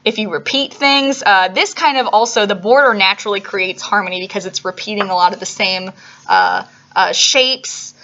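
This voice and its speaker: A woman's voice: mid-range voice, normal speed, pushed and bright, lo-fi sound. A woman teaching an art lesson to young children on video, upbeat and coaxing, often checking in with "all right?" between steps.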